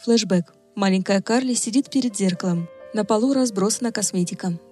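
A woman's voice: mid-range voice, a little fast. A woman reading scripted audio description of a film as its narrator, in present tense. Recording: voice-over on loud film music. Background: film music.

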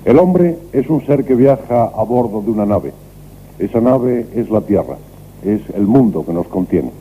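A man hosting a late-night radio program, talking calmly and reflectively with a guest, on an old radio recording. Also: lowish voice, measured pace, narrow, tinny audio, a little hiss or hum. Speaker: radio host.

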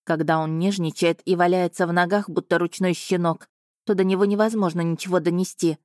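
A woman reading a first-person audiobook in an even, measured way. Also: on the low side, no echo, clean studio sound. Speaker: audiobook narrator.

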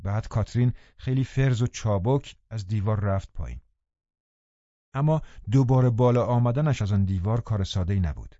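A man narrating a novel as an audiobook, calm and measured. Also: on the low side, dry recording. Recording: dull dry studio recording.

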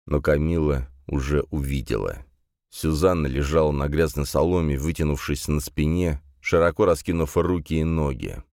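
A man narrating an audiobook in a steady, measured reading. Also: very deep voice, no room sound, studio quality. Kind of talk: scripted narration.

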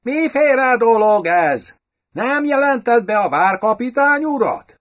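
A man voicing a foppish, affected foreign nobleman in an audiobook, with a hoarse voice and mannered, foreign-sounding pronunciation. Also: sits high, animated, fairly bright tone, voice pushed up. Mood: indignant. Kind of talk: audiobook character voice.

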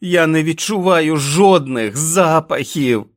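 A man reading the part of a furious, exhausted boy who shouts himself hoarse in the rain, in a storybook reading. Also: medium pitch, moderate pace, no echo, studio quality, lightly acted. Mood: furious shouting. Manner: shouting, frantic.

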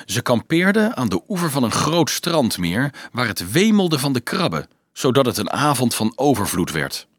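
A man reading a youth novel aloud in calm, even scripted narration. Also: mid-range voice, moderate pace, few pauses, no echo. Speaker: audiobook narrator.

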